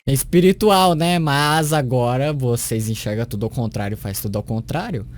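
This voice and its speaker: A man's voice: medium pitch, moderate pace, no echo. Sarcastic man ranting. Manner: sarcastic, scornful, mocking. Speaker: commentator reacting to a sermon. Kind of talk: critical reaction commentary.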